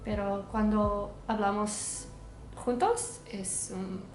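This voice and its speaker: A young woman, a native English speaker with an English accent in Spanish, chatting casually for a vlog and haltingly searching for words. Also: mid-range voice, steady tone, a little mellow, faint music behind. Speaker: language-learning vlogger. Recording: echoey room, faint background noise.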